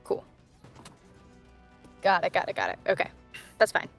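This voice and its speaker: A woman's voice: fairly low pitch, very animated, normal speed, creaky, fairly bright tone, faint music behind. A woman playing a tabletop game, casual and giggly, thinking her moves aloud. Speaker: player.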